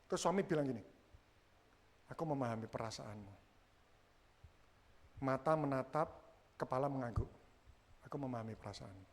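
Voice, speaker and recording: A man preaching a sermon in church, lively and humorous, acting out quoted lines from everyday life. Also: sits high. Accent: Indonesian. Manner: animated, acts out quoted voices with humor. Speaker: pastor.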